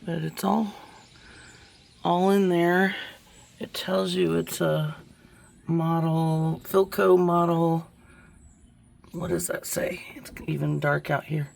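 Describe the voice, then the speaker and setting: Taking it slow and pausing often, a vlogger who has lost their voice from illness shows an old find in a casual outdoor chat by a home, thinking aloud as they go. Their voice is medium-pitched, creaky, and darkish, with fairly even intonation.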